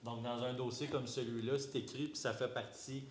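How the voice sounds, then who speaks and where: A man's voice: mid-range voice, level tone, normal speed. A man with a Québécois accent chairs a council meeting as mayor. He explains in a loose, conversational way, full of restarts. The room is echoey, with a faint background hum and a mid-range voice. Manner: conversational, many fillers and restarts. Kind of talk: explaining and answering at a public meeting. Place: council chamber.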